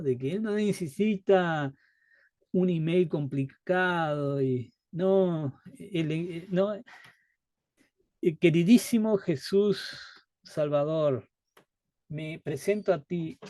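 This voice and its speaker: A man's voice: fairly high pitch, mellow, no room sound, clean studio sound. A man leading a live Bible study, talking conversationally, asking rhetorical questions and acting out quotes.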